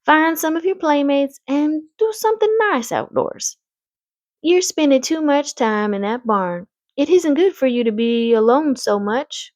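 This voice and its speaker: High-voiced, fretful storybook mother, as a narrator plays her. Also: expressive, measured pace, darkish tone, no echo, studio quality. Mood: vague, coaxing. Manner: anxious, vague, earnest. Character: fretful, proper mother of a young girl.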